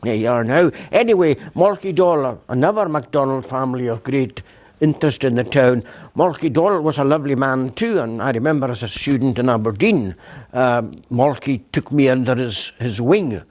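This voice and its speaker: A man's voice: medium pitch, animated, moderate pace, darkish tone. An older man, a former provost, giving a public lecture full of anecdotes, with many fillers and restarts. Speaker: guest speaker, former provost. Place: council chamber.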